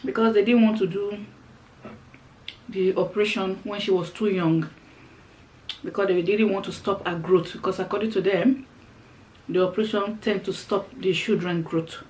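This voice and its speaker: A woman's voice: mid-range voice, fairly even intonation, normal speed, pauses often, darkish tone, rough recording. Woman chatting casually over background noise. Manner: conversational, repeats phrases as she explains. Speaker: mukbang vlogger. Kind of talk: casual chat to viewers while eating. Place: indoors, seated on the floor.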